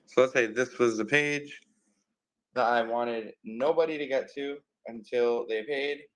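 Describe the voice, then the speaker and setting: A man walks through a casual tutorial at an even middle pitch, explaining loosely with plenty of fillers. His audio drops in and out over a bad online connection, and now and then he sounds farther from the open computer mic. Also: rough recording. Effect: bad connection, audio cutting in and out. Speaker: workshop instructor. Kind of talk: casual screen-share tutorial. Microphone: open computer mic on a video call.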